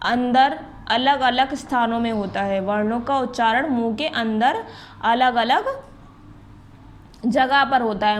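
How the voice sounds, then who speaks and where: High-voiced woman teacher explaining step by step. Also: slight background noise. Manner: explains step by step, repeats terms, sounds out letters slowly; often checks in with the class. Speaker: school teacher. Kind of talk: recorded Hindi grammar lesson.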